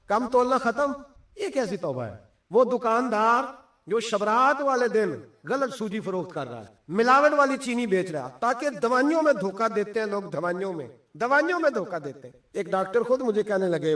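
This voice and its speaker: A man's voice: sits high, sing-song, a bit bright, roomy sound, far from the mic. A man preaching a sermon, firing rhetorical questions at his congregation.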